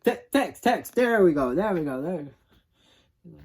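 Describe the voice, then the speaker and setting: A man voicing an eager grown man who stumbles excitedly over recognizing an acquaintance. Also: a little high, breathy edge, voice pushed up. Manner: excited, halting, repeating himself.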